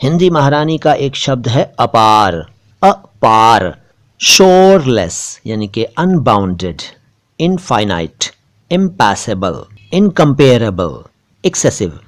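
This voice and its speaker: A man's voice: medium pitch, sing-song. A man from India, hosting a vocabulary lesson and carefully repeating each word for pronunciation. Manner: recites couplets slowly and repeats words for pronunciation. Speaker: language teacher and channel host.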